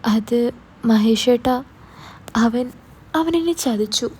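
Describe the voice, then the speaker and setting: A woman's voice: a little high, takes it slowly, darkish tone, husky. A woman voicing a heartbroken nineteen-year-old girl who tells her story through tears, in broken, pleading phrases. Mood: tearful.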